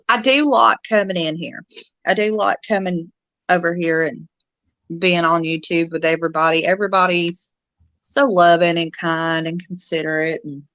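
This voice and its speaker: A woman's voice: lowish voice, bright, forceful tone, no room sound. A woman hosting a casual live stream chat, chatty and laughing often, with homespun turns of phrase. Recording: dull lo-fi dry sound.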